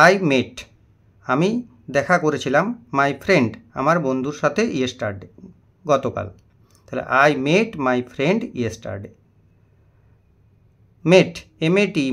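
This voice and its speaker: A man with a fairly high, fairly bright voice teaches an English lesson, patiently explaining vocabulary and spelling words out letter by letter. He reads the example sentences slowly and deliberately.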